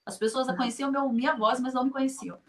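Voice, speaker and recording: A woman's voice: high-pitched, fast talker. A middle-aged woman from Brazil who teaches in children's ministry, giving an online conference talk and telling stories with acted-out dialogue and frequent laughter. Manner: lively storyteller, laughs often, acts out quoted dialogue.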